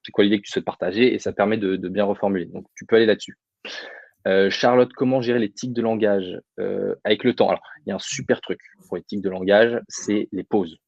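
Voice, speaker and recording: A man's voice: lowish voice, fairly even intonation, fairly quick, gravelly, darkish tone, no echo, lo-fi sound. A man giving casual public speaking advice in a webinar, answering questions informally with many fillers. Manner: informal, addresses audience directly, many fillers.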